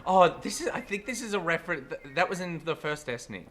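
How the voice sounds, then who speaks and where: Chatty young co-host. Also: male voice, on the high side, expressive, fast, fairly bright tone. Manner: chatty, teasing, tells stories. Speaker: gaming show co-host. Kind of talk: casual let's-play banter. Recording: game music behind.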